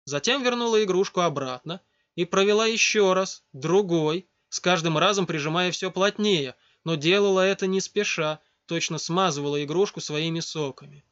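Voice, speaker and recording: A man reading a story aloud in a steady, scripted narration. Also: high voice, normal speed. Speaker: audiobook narrator. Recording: dull lo-fi dry recording.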